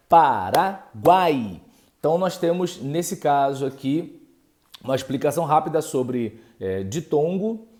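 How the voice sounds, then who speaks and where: A man teaching a grammar lesson, speaking haltingly with many fillers and checks, and sounding out syllables and letters. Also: on the high side, dark tone. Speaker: Portuguese language teacher.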